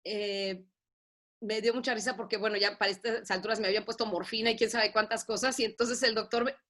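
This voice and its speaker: A middle-aged woman with a Mexican Spanish accent, a pastor sharing a personal testimony in lively storytelling, acting out voices and laughing often. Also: medium pitch, brisk. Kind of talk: personal testimony on a video call.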